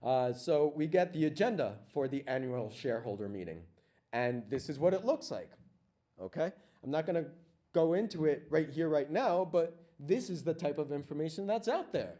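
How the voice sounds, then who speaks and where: Speaking with fire to a live audience in a meeting room, this man presents a workshop and asks one question after another, repeating lines for emphasis. His voice is a little high, expressive, and warm, at a normal pace.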